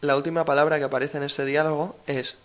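A man with a Spain Spanish accent co-hosts a language lesson, patiently explaining with everyday examples. His voice is a little high with little pitch movement, and he talks fast. The recording is muffled.

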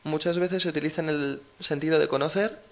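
A man's voice: on the high side, fairly even intonation, fairly quick, dull audio. A man with a Spain Spanish accent co-hosting a language lesson, explaining patiently with everyday examples. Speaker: language teacher co-host.

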